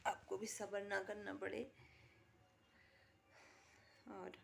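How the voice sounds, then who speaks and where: A woman's voice: mid-range voice, flat delivery, moderate pace, vocal fry, a little hiss or hum. A woman filming a casual home vlog at night, cooing to a pet in doting baby talk. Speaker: vlogger.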